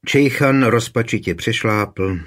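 A man narrating a historical novel as an audiobook, with a steady storytelling delivery. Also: lowish voice. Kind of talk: scripted narration.

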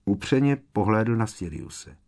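A man narrating an audiobook in a steady, measured storytelling voice. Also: on the low side, gravelly. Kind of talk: audiobook reading.

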